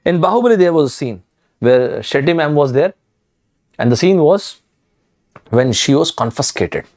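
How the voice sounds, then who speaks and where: A man's voice: on the high side, darkish tone. A young man with an Indian English accent, teaching a live online vocabulary lesson with energy, repeating words and asking viewers to type answers. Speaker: online exam tutor.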